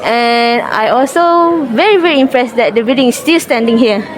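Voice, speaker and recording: Young woman from Singapore, high voice, hesitant interviewee. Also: normal speed. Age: young adult. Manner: hesitant, repeats words. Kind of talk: casual interview answers.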